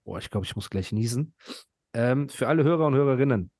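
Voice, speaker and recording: A man's voice: medium pitch, lively intonation, fast talker, a little mellow, dry recording. A man hosting a podcast, telling stories and ranting casually in long, nonstop chatty runs full of slang. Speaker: podcast host.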